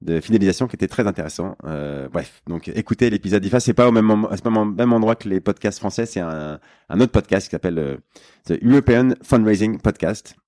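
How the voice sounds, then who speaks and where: A man hosts a podcast interview with a very low voice. He speaks casually, stumbling through fillers and restarts. The sound is dry and close. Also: brisk, dark tone, no echo. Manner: hesitant, many fillers and restarts. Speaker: podcast host.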